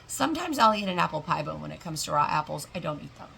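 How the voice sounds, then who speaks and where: A woman's voice: sits low, big pitch swings, fast talker, vocal fry, bright, forceful tone, slight background noise, rough recording. A middle-aged woman vlogger talking casually and chattily, trailing off and interrupting herself, sometimes talking with her mouth full. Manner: chatty, wandering, self-interrupting. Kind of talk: casual chat.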